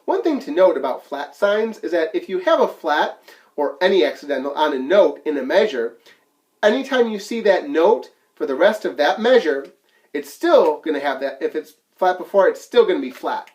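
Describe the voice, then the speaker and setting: A man's voice: a little high, sing-song, moderate pace, darkish tone. A man teaching a flute lesson, counting beats aloud and explaining each musical term plainly. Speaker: band teacher.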